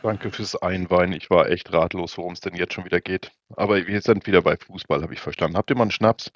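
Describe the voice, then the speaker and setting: A man with a deadpan, wry way of talking. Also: deep voice, fast talker. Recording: dull lo-fi sound.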